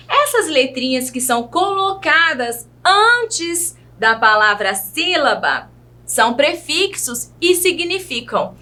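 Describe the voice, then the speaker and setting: A woman teacher with a Brazilian Portuguese accent, giving a patient children's video lesson and sounding out words slowly, syllable by syllable. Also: sits high, sharp tone. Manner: slow, careful syllable-by-syllable enunciation; patient, addresses young pupils directly.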